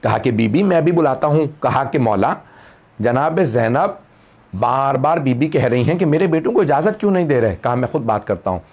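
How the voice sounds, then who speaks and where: A man's voice: mid-range voice, animated, normal speed, a little mellow. A man, a cleric, recites a mourning sermon, narrating a lament and rising into wailing cries. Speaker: Shia cleric reciting a majlis.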